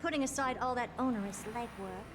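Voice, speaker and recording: A woman's voice: a little high, brisk, lightly acted. A woman voicing an aloof genius scientist in a video game, with a dry, condescending, lecturing manner. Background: game music.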